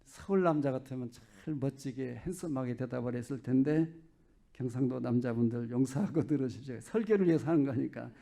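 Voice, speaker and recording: A man's voice: mid-range voice, a little fast, creaky, dark tone. A male pastor giving a Sunday sermon in a chatty, joking way, often asking the congregation rhetorical questions.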